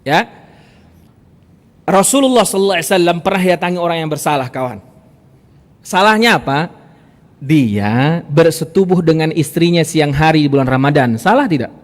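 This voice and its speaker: A male preacher with a Medan accent giving a lively, direct sermon with stories, challenging the audience, in a large mosque hall. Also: a little high, normal speed, long pauses. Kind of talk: sermon with storytelling.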